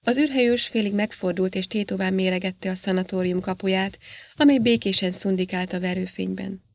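A woman narrating an audiobook in a steady, even reading voice. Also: mid-range voice, no echo. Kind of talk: scripted narration.

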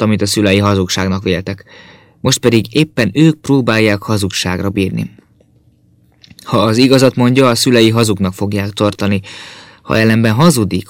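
A man narrating an audiobook in a calm, measured reading voice. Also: on the low side, dry recording.

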